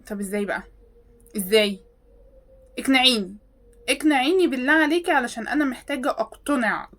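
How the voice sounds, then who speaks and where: A woman with an Egyptian Arabic accent reacts to videos in an exasperated, mocking tone. Her voice sits a little high, and she fires off rhetorical questions. She swings from loud outbursts to hushed asides. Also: fairly quick.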